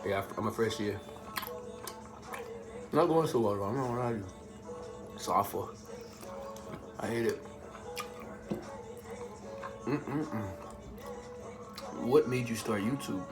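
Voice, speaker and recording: Over music, a young man from the Bahamas answers viewer questions in a casual vlog chat, laid-back and joking with plenty of streetwise slang. His voice is fairly low and slow, with long pauses.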